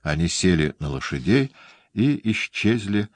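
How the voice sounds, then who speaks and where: A man narrating an audiobook with measured, steady storytelling. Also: low-pitched, no room sound. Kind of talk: scripted narration.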